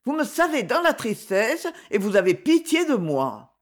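A woman's voice: a little high, sing-song, a little slow, pitched above the performer's own voice. A woman reading a storybook voices a sad, melancholy young woman in a wistful, downcast tone. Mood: timid.

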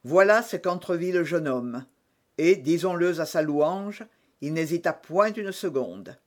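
A man narrating an adventure audiobook with expressive, dramatic storytelling. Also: fairly high pitch, a little slow.

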